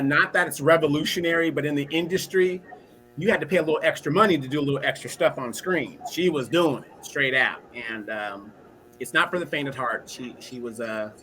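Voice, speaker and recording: Guy co-hosting, opinionated, bright forceful voice, a bit high. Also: a little hiss or hum. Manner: opinionated, addresses the audience directly. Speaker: co-host, commentator. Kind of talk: casual commentary.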